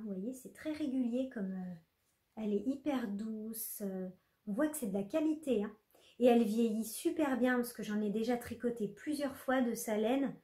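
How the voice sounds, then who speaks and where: A woman's voice: fairly high pitch, dark tone, reverberant. A woman chatting casually with viewers in a knitting vlog, full of fillers and restarts. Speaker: knitting podcaster.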